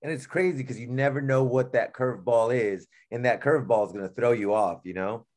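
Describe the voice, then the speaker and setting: A man's voice: medium pitch, a little fast, darkish tone. Man, podcast co-host, casual storytelling, blunt, profane, street slang, acts out quotes. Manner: retells events by acting out quoted dialogue.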